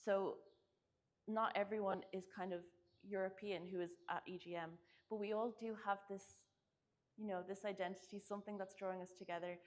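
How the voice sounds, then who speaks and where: A woman's voice: medium pitch, steady tone, a little fast. A young woman from Ireland, giving a presentation about her research in an earnest, casual way, often saying "kind of" and "like". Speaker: conference speaker. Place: conference hall.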